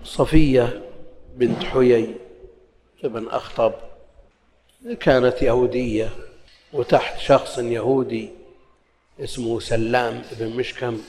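A man's voice: mid-range voice, flat delivery, slow, long pauses, a little mellow, slight background noise. A man teaching a religious lesson, explaining texts and moving between formal recitation and colloquial asides. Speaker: Islamic scholar teaching hadith. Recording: long hall reverb.

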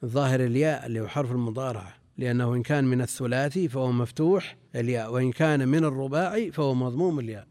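A man's voice: mid-range voice, darkish tone, no echo. Dry-voiced man teaching a classical text. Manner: reads quoted sources, then explains in a measured way; repeats phrases and corrects himself mid-word. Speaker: Islamic scholar teaching a text. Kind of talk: classical text lesson with commentary.

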